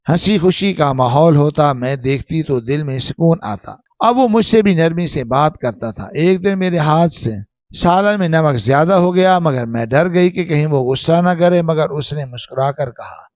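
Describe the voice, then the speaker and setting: A man narrating a scripted first-person story in a steady, heartfelt way. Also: on the high side, dry recording. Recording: dull lo-fi dry sound.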